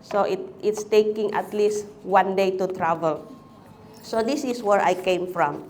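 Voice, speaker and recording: A woman's voice: medium pitch, a little slow, darkish tone, a little hiss or hum. A woman from the Philippines giving a chaplaincy talk, chatty, asking the audience questions. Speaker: chaplaincy speaker.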